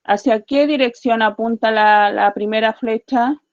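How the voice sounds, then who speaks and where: Woman teacher, science lesson for kids, very slow and patient, higher voice, dry dull lo-fi sound. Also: no room sound. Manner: patient, slow and deliberate, repeating questions. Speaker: primary school teacher. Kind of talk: online science lesson for children.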